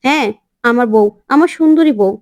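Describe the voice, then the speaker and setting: A woman's voice: high-pitched, normal speed, a little mellow, close to an everyday voice. A woman doing a drunk, boastful young husband. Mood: tipsy. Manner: tipsy, boastful teasing.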